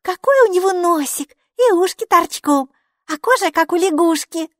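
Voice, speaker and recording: A woman voicing a feisty little girl in a children's audiobook, speaking in a high, squealing voice. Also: animated, moderate pace, no echo, clean studio sound. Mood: excited.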